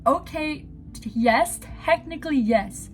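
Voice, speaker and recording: A woman in her twenties giving excited, rambling reaction commentary as a gushing fan, often giggling. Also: high-pitched, unhurried, soft background music. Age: 20s. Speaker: YouTube reactor.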